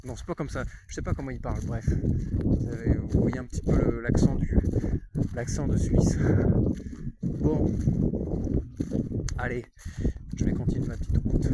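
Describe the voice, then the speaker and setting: A man's voice: mid-range voice, fairly even intonation, moderate pace, pauses often. A man with a southern French accent, chatting casually and swearing freely as he vlogs while hiking through open fields at dusk. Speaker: survival vlogger hiking and camping. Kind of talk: casual outdoor vlog. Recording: loud wind noise outdoors.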